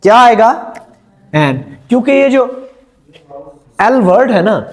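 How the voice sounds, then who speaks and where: A man's voice: sits high, lively intonation, slow pace. A male teacher giving a grammar lecture in a classroom, quizzing the students and repeating their answers.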